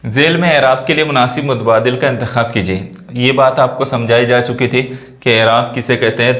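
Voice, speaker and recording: A man's voice: mid-range voice, a bit bright. Man teaching in an echoey room. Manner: explains step by step, asks and answers his own questions. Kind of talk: screen-recorded exam walkthrough. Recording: roomy echo.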